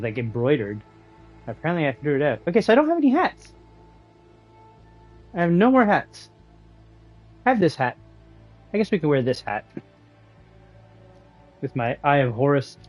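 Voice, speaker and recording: A man's voice: medium pitch, lively intonation, fairly quick, pauses often, lo-fi sound, soft background music. A man chatting casually on a live game stream, rambling and joking at his own expense. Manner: rambling, joking and self-mocking.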